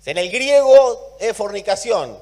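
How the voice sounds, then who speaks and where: High-voiced Argentine preacher in a hall. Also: male voice, very animated, measured pace. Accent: Argentine Spanish. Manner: emphatic preaching, swings between loud and soft, repeats words for emphasis. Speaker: pastor. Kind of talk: sermon.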